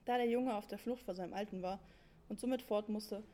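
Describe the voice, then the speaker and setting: A woman's voice: medium pitch, fairly quick, warm tone. A woman narrating a fairy tale in casual youth slang.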